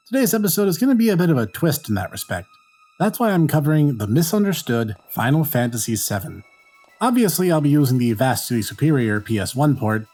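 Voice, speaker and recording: A man's voice: mid-range voice, darkish tone. A man hosting a video game review, reading scripted comic narration in a dry, sarcastic way.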